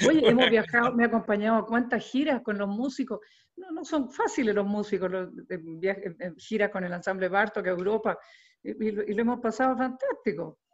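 Older woman, Chilean accent, mid-pitched, repeats words, casual interview, lo-fi muffled sound. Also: fairly quick. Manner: animated, repeats words while gathering thoughts. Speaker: interviewed singer. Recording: dull lo-fi sound.

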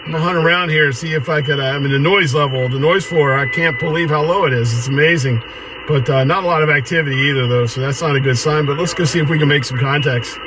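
Operating a ham radio from his car, a late-middle-aged American man talks casually and fast in a fairly high voice. He's somewhere in his 50s or 60s, a ham operator who also vlogs, and radio static and noise run behind him.

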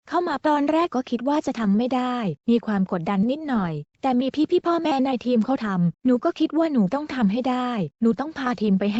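A woman reads an entertainment news story as a scripted voice-over, keeping one steady delivery even through the quotes. Her voice sits a little high, and the recording is dry and close but somewhat muffled. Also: no echo. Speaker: news narrator.

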